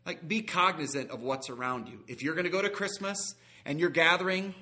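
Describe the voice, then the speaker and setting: A man's voice: a little high, a little fast, sharp tone. A man preaching a sermon in an earnest, folksy way, sometimes acting out quoted voices. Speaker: guest preacher.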